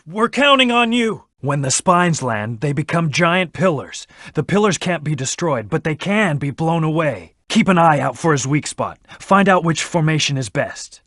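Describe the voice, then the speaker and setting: A man's voice: a little high, fairly bright tone, no room sound, clean studio sound. A man voicing a brooding, arrogant hedgehog antihero in a video game, speaking in a terse, cool, commanding way. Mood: defiant. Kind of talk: scripted video game character lines.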